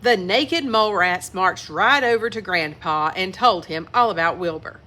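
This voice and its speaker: A woman's voice: mid-range voice, normal speed, pushed and bright. A woman reading a children's picture book aloud expressively, with asides to young listeners. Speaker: children's story reader.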